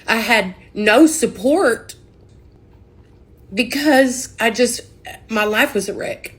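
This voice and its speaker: A woman's voice: on the high side, slow pace. A young woman earnestly sharing an emotional personal testimony, often saying "like". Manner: earnest, heartfelt, frequent "like" fillers.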